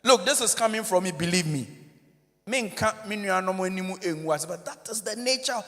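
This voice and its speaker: A man with a Ghanaian accent, a church minister giving an animated, joking conference talk that switches between English and Twi. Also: high-pitched, brisk. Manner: animated, joking, code-switching, addresses audience directly. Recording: long reverb of a large hall.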